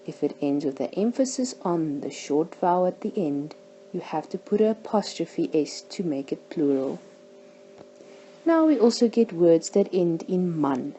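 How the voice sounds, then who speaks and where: Woman teacher going through plurals real slow and careful, mellow tone. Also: fairly low pitch, animated, slight background noise, low-quality recording. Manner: slow, careful pronunciation of example words. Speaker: language teacher. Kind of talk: scripted language lesson.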